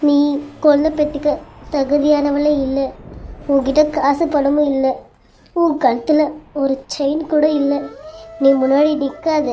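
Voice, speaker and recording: A woman's voice: sits high, muffled recording, lightly acted. A woman voicing a hurt young wife who speaks while crying, in a family serial drama. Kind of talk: Tamil family serial voice acting.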